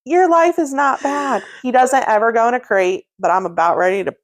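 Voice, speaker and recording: A woman in her thirties co-hosting a podcast, telling a funny story casually, laughing as she talks and acting out quoted lines. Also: normal speed. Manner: animated, acts out quoted lines with big pitch jumps; frequent laughter while talking. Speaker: podcast co-host.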